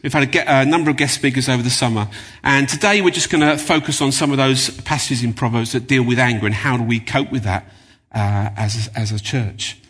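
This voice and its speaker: Man, preacher, chatty storyteller, bright voice, long hall reverb. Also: mid-range voice, a little fast, slightly rough. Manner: chatty storyteller, many fillers. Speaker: guest preacher. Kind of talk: sermon with anecdotes. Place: church.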